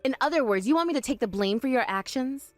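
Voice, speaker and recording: A woman voicing a calm, sharp-tongued young woman in an animated story, speaking firmly and with dry exasperation. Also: sits high, fast talker, dry recording, faint music behind.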